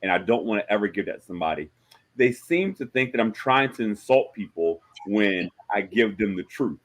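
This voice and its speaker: A man in his forties, a host, telling stories in a joking, animated way during a casual chat. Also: fairly low pitch, fairly quick. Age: 40s.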